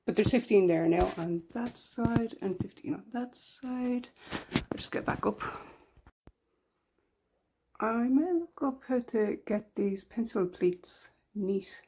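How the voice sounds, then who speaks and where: A woman with an Irish accent and a medium-pitched voice chats casually and slowly for her vlog at home indoors, with some background noise. She rambles and pokes fun at herself in a chatty way.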